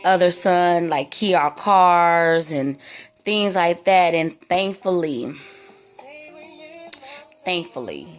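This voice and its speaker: Slow, low-voiced woman rambling through a story. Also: soft background music. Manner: rambling, full of "like" and "you know". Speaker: vlogger telling a personal story. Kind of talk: casual storytime retelling.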